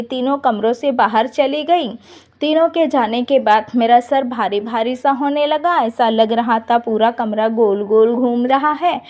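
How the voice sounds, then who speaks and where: A woman narrating a first-person story in a plain, unhurried way, with small restarts. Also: a little high, darkish tone.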